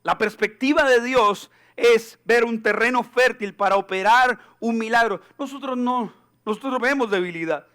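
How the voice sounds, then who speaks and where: A man preaching a sermon as pastor in a church, animated and joking, acting out the people he quotes. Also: very high-pitched, normal speed.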